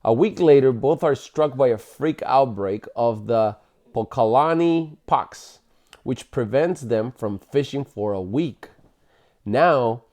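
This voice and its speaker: At bedtime, a father figure reads aloud to his children from a book and drops in casual asides. He has a mellow, relaxed, mid-pitched male voice and an informal, explanatory delivery, now and then tripping over words and fixing them.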